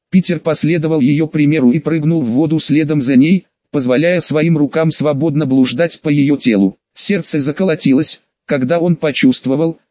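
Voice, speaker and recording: A man reading an audiobook in steady scripted narration. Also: on the high side, dry recording. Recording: dry, dull lo-fi audio.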